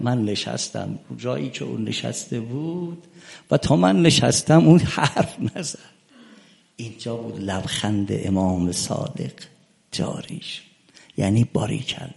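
A man preaching a sermon, retelling a debate in quoted dialogue and rising to emphatic, loud peaks. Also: medium pitch, gravelly. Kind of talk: religious sermon storytelling.

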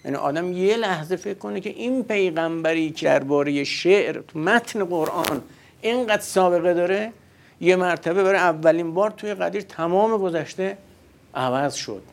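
A man's voice: high-pitched, creaky. A man giving a religious lecture in a conversational way, posing rhetorical questions and answering them himself.

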